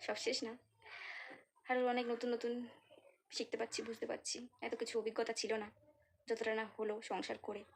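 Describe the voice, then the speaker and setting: A young woman with a Bengali accent talks in a chatty, confiding way to her vlog viewers, sounding tired and a little unwell. Her voice sits somewhat high. The phone recording carries clear household noise behind her. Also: completely flat delivery, normal speed, long pauses. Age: young adult. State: feeling unwell. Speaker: vlogger. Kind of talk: casual home vlog chat. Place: home kitchen and courtyard.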